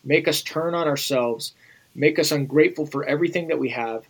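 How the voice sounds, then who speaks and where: A man's voice: fairly high pitch, a little fast, poor audio. A middle-aged American man speaking as a guest in a podcast interview, earnest and urgent, talking straight to the listeners. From United States.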